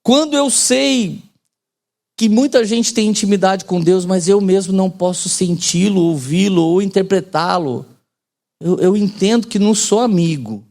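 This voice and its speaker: Male pastor, forties, gravelly fry, raised pitch, slangy humorous preaching, calls for responses. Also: measured pace, a little mellow. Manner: casual, joking preaching with slang; leans on call-and-response with the congregation. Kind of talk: sermon.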